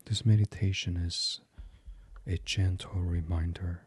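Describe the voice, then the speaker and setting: A man's voice: low voice, fairly even intonation, breathy edge, no echo. A man leading a guided meditation in a soothing voice that often drops to a whisper. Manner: slow, soft and soothing, drifting into whispers.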